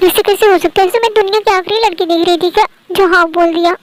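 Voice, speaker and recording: A woman voicing a sharp-tongued, scheming young woman in a fan dub, with a snappy, mocking way of talking. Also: very high-pitched, steady tone, quick pace, no echo, rough recording. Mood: dismayed. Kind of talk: fan Hindi dub acting.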